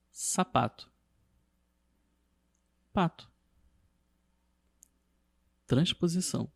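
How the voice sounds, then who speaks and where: A man narrating a scripted lesson as a teacher, in a steady, measured reading. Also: mid-range voice.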